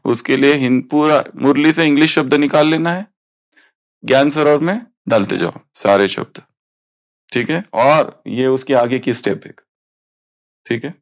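A man's voice: medium pitch, creaky. A man teaching a spiritual study class, explaining points and prompting students to read aloud.

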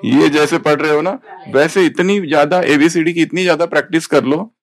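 A man's voice: a little high, moderate pace. A man teaching a spiritual study class, explaining points and prompting students to read aloud.

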